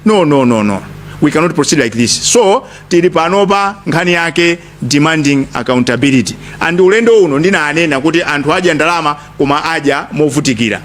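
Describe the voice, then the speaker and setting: A man's voice: on the high side, animated, a little fast, a bit bright. A man with a Malawian accent giving an emphatic political speech at a press briefing, often repeating phrases. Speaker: lead speaker at a press briefing.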